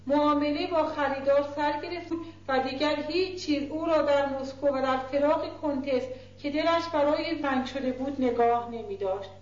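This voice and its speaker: A woman narrates a literary audiobook in a measured, steady way. Her voice is high for a woman. The recording is roomy and somewhat dull in tone.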